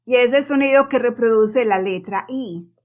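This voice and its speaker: A woman whose first language is Spanish, teaching English sounds in a casual, repetitive way and often checking in with a quick "ok?". Her voice is wearing thin. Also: fairly high pitch, darkish tone. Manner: chatty, repeats herself, often checks in with "ok?". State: losing her voice. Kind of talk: casual spoken lesson.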